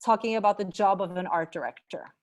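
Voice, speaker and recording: Woman, moderator, relaxed, reads out chat questions, video call. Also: mid-range voice, a little fast. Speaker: open house moderator.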